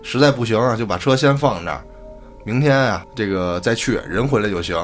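A man's voice: lowish voice, animated, a little fast, soft background music, close to an everyday voice. A man voicing an angry, cursing rural uncle. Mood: grumbling. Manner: cursing, scolding. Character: angry rural uncle, middle-aged man, hot-tempered.

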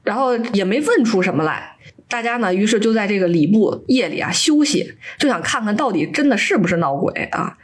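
A woman podcast host casually retelling a story, animated and often laughing, slipping in short character voices. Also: mid-range voice, fairly quick, husky.

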